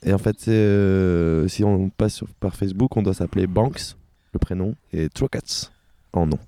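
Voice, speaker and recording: A man's voice: sits low, a little slow, dark tone, a little hiss or hum. A man from co-hosting a podcast, chatting casually and teasing, often laughing. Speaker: podcast co-host. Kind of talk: casual chat.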